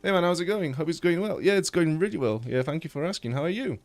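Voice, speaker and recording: A man's voice: a little high, fast talker. A young man from Poland, streaming a game and chatting casually, rambling with lots of fillers and swearing, a little stuffy-nosed. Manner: rambling, swears a lot, many fillers and restarts. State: blocked nose. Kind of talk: casual live-stream chat while gaming.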